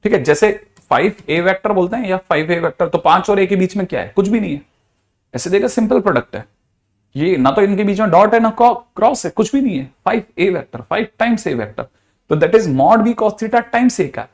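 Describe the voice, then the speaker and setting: A man's voice: high-pitched, animated, brisk. A man, a physics teacher giving a chatty, playful lecture. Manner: chatty, playful, with mixed Hindi-English math terms.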